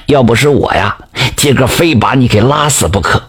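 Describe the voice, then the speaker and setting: A man's voice: mid-range voice, lively intonation, moderate pace, breathy edge. A man with a Northeastern Mandarin accent voicing a fussy old village wife who nags and chides. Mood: chiding.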